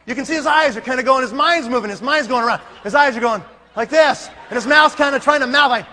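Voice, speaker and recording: A man telling a comic story to a live audience, animated and laughing as he acts out scenes. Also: very high voice, fast talker. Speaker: speaker. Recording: long hall reverb, faint room noise.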